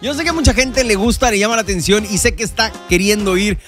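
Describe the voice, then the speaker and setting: A fast-talking man with a high voice announces a radio ticket giveaway with salesy energy. Faint music plays behind. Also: fairly bright tone. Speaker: radio co-host. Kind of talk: radio promo reading.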